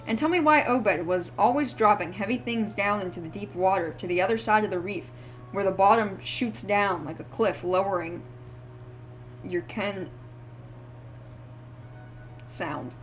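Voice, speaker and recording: A woman's voice: mid-range voice, a little slow, pauses often, natural voice. A woman voicing a wheezy, ranting old drunk man who rambles feverishly in rustic old-timer speech. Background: faint background music.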